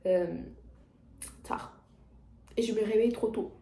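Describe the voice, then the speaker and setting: A woman's voice: fairly high pitch, steady tone, unhurried, dark tone, echoey room. A teenage girl with a French accent, talking casually to her viewers in a rambling confessional vlog at home, full of restarts and fillers. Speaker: vlogger. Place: at home, indoors.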